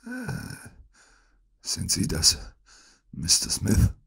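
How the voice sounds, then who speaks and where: A man's voice: deep voice, lively intonation, moderate pace, pitched above the performer's own voice, heavily acted. Man voicing a feverish dying detective. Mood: faint. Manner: weak, breathy, urgent orders. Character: gravely ill male detective, feverish yet commanding. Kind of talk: audiobook acting.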